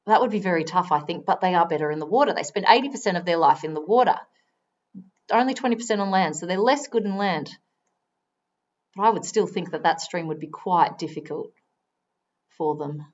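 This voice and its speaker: A woman giving chatty live commentary on a wildlife stream, now and then breaking into excited exclamations. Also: lowish voice, normal speed, long pauses, highs cut off.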